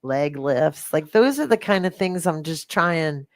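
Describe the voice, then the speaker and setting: A middle-aged woman hosting a fitness podcast, talking in a rambling, animated way with lots of fillers and restarts. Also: low-pitched, unhurried, no echo. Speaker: fitness coach and podcast host. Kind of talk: casual podcast chat.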